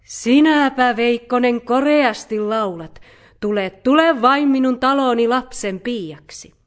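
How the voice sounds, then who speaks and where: A woman voicing a motherly, choosy female bear in a storybook reading, talking loudly and with emphasis. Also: a little high, expressive, pitched above the performer's own voice, close to an everyday voice.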